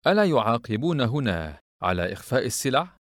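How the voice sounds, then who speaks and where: A man voicing a reserved, melancholy man who speaks in a cool, measured, restrained way in an audiobook. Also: medium pitch, sing-song, dry recording, studio quality. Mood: bitter.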